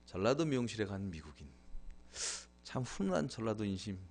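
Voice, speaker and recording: A man's voice: on the low side, big pitch swings, brisk, a little mellow. A man hosting a live internet broadcast in a chatty, casual way, laughing and thanking viewers. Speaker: live-stream host. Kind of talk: casual live-stream talk.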